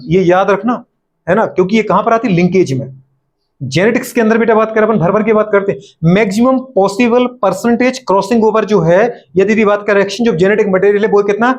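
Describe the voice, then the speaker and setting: A male biology teacher with a Hindi accent, lecturing a class, often asking questions and answering them himself, teasing his students. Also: high voice.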